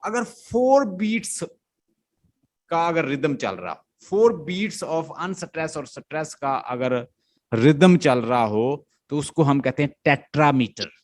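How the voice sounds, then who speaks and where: Man, teacher, classroom lecture, slow deliberate delivery, chants the beats, checks understanding. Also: on the high side, lively intonation. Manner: explains step by step and chants stress beats aloud; often checks that students understand. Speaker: literature teacher. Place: classroom with students.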